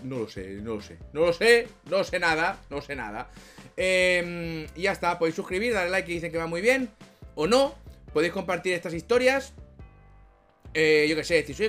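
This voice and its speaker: A man's voice: on the high side, fairly bright tone. A man from chatting casually in a rambling, self-mocking way, swearing often as he wraps up a vlog. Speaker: YouTuber.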